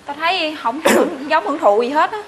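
A woman's voice: sits high, expressive, brisk. A woman in her twenties with a southern Vietnamese accent, acting a stubborn, blunt bride-to-be in a comedy skit, insistent and fretful. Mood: exasperated. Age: 20s. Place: indoors, tiled rooms. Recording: echoey room with clear noise.

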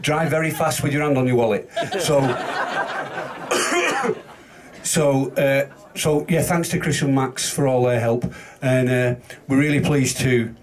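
A man's voice: mid-range voice, expressive, takes it slowly. Hesitant man with a Salford accent. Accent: Northern English, Salford. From England. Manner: hesitant, self-deprecating, many restarts. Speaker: award winner giving thanks. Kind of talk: halting acceptance speech. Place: awards event indoors.

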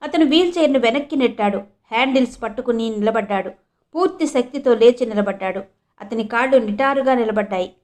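A woman narrating a scripted story in an even, measured reading voice. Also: fairly high pitch.

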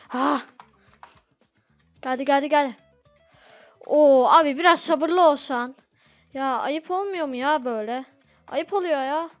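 A woman commenting casually on a restaurant game she is playing, flustered and begging her customers to be patient. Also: high-pitched. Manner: flustered, pleads with impatient customers. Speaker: gameplay video host. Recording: dull lo-fi audio with game music.

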